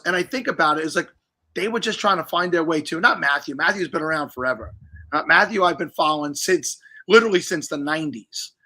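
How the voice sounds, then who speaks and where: Chatty man with a bright, forceful voice. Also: on the high side. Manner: chatty, rambling, jokey. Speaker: podcast host. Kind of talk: casual livestream chat.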